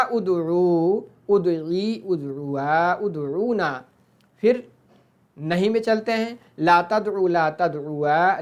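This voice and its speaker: Slow patient grammar teacher. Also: mid-range voice. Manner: patient, drills verb forms slowly aloud. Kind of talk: slide-based grammar lesson.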